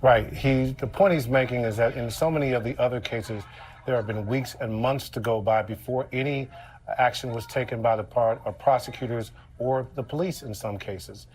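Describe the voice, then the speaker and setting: Man, mid-pitched voice, American accent, news correspondent, grave emphatic live analysis. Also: normal speed, a little mellow.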